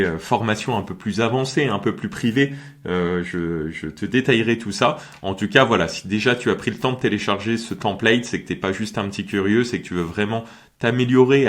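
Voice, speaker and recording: A man talking casually through a screen-share software tutorial, chatty and full of fillers and quick check-ins with the viewer. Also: fairly low pitch. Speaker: magician and course creator.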